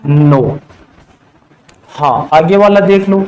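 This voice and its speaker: A male math teacher giving a classroom lesson, quizzing his students and answering his own questions, and drawing out the key terms slowly. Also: a little high, low-quality recording. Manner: slows to a drawn-out pace on key terms.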